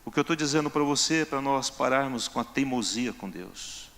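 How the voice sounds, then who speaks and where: A man's voice: mid-range voice, lively intonation, normal speed, a bit bright. A male pastor, preaching in a conversational way and acting out everyday scenes. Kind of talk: sermon. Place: church.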